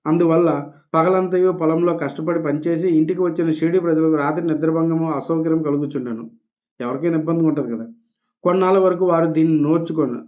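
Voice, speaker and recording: A man reading a devotional text aloud and explaining it in casual speech, with small restarts and English words dropped in. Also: fairly high pitch. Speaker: devotional reader. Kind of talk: scripture reading with spoken commentary. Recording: tinny phone-like recording.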